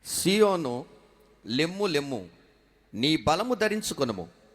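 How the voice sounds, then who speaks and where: A man reading scripture aloud in a formal, measured way. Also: on the high side, big pitch swings, husky. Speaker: scripture reader.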